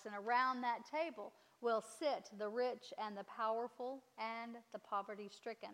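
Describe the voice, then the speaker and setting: A woman pastor leading communion liturgy in a solemn, measured, declamatory way with deliberate pauses. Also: a little high. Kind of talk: solemn liturgical address and prayer. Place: large church or hall during a service. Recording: reverberant hall with long echo.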